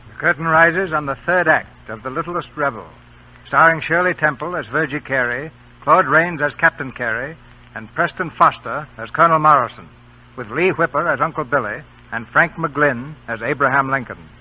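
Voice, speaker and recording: A man narrating a 1930s radio drama in a measured, solemn way. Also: fairly high pitch, slight background noise. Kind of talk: scripted narration. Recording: tinny old radio broadcast with music.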